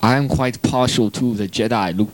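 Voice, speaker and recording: A man from the United States answering a comic mock interview in a halting, deadpan way. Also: on the low side, dry recording. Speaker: interview guest.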